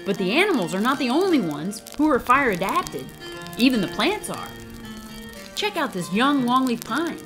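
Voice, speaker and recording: A woman with a fairly high voice and wide pitch swings speaks at a normal speed, playing a prescribed burner who explains the forest to children in a cheerful, simple way. The audio quality is poor, and she talks as a voice-over on top of background music.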